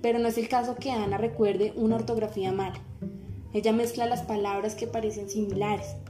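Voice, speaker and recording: A woman playing a caring teacher in a dubbed film, explaining slowly and earnestly over background music. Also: medium pitch, level tone, natural voice. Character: patient caring female teacher, adult.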